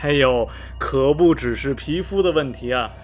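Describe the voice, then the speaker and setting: With faint music behind him, a man acts in a radio drama as a gossipy middle-aged small-town man, skeptical yet repelled, sighing and stretching his phrases dramatically. His natural voice is medium-pitched at a moderate pace, the mood disgusted and ominous, the storytelling animated.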